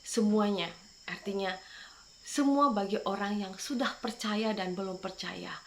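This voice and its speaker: A woman's voice: mid-range voice, unhurried, slight background noise. Fervent woman preacher, faint crickets. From Madura. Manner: fervent, repeats "saudara" at phrase ends. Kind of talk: sermon with personal testimony.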